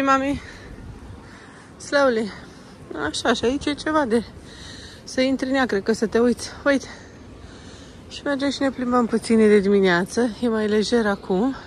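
A woman in her thirties from Romania chats casually to her phone camera as she walks through a busy indoor shopping mall. Her voice sits a touch high, and she keeps turning to gently coax her little one, mixing English phrases into her Romanian. A faint murmur of the mall runs behind her. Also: a little hiss or hum. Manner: chatty, coaxing and patient with her child, mixing in English phrases. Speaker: vlogger and mother. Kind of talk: casual walking vlog, talking to camera and child.

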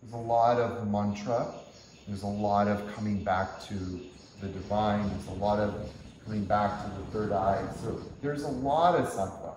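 Male yoga teacher with a lowish voice, giving a gentle, unhurried workshop lecture with chuckles; echoey hall. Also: distant mic, slight background noise. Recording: echoey room.

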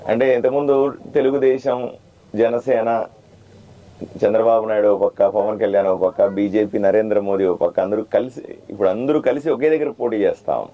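A man, a doctor running for office, giving a repetitive, plain-spoken campaign speech that quizzes the crowd and demands loud answers. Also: on the low side, brisk, narrow, tinny audio, a little hiss or hum. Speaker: political candidate and doctor. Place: outdoor neighborhood gathering.

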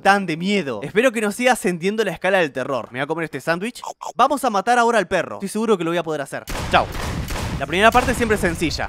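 High-pitched and a bit bright, this young man speaks with a Rioplatense Spanish accent while streaming a horror game. He stays jumpy and nervous throughout, letting out yelps at each scare.

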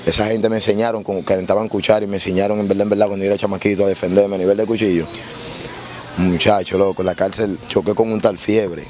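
A man's voice: on the low side, quick pace, a little hiss or hum. A man, recounting his life on the street and in prison in a casual interview, acting out voices as he tells it. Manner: animated storyteller, acts out voices in his tales.

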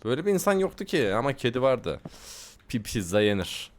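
A man's voice: mid-range voice, sing-song, brisk. A young man hosting a game video, joking, laughing often and translating lines aloud in casual commentary. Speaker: gaming video host. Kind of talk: casual let's-play commentary.

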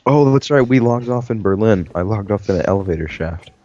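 A man playing a survival game over voice chat who panics easily and piles up frantic repeated protests. His voice is very low. The chat audio is dull and carries a faint hiss. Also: fairly quick, dark tone. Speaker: co-player. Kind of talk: casual gameplay chat.

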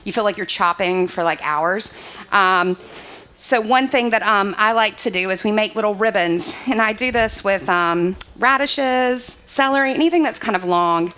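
A woman's voice: medium pitch, normal speed, bright, forceful tone, clear, resonant tone. A young adult woman chef, giving a live cooking demonstration in a chatty way with many fillers. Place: open screened dining hall.

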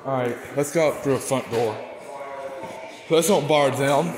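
A vlogger walks through a house under construction and its muddy yard, chatting casually and informally as he gives a tour. His voice is mid-range and his pace measured, and he often hesitates and repeats himself.

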